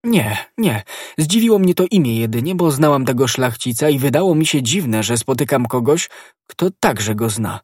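A man's voice: medium pitch, lively intonation, moderate pace, darkish tone, slightly rough, dry recording, clean studio sound, voice pushed up. A man voicing a cunning, deceitful noblewoman in an audiobook, guarded and evasive. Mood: effusive. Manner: stammering, evasive when cornered.

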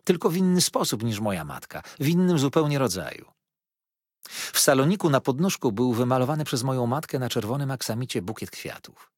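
A man reading a classic novel aloud as an audiobook narrator, in an expressive, measured storytelling manner. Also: mid-range voice, slightly rough, no echo, clean studio sound. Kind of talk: scripted narration.

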